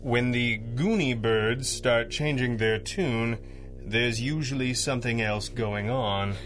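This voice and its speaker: Forceful, articulate pulp hero, Red Panda. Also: male voice, medium pitch, faint music behind. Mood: calm, dry. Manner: measured, articulate, dry. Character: calm, brainy masked male crime-fighting hero, the boss. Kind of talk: 1930s-set pulp radio drama acting.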